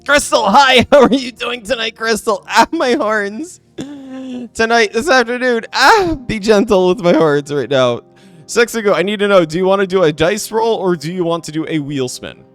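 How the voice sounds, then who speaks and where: A man's voice: sits high, lively intonation, moderate pace, a bit bright, no room sound, soft background music. A man live-streaming a game, chatting casually and animatedly with his viewers and laughing often.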